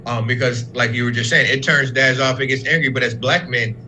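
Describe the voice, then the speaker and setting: Earnest man with a bright voice. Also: medium pitch, fairly even intonation, a little fast, slight background noise, poor audio. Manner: earnest, speaks in long run-on explanations. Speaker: fatherhood program worker, guest. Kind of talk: casual interview talk.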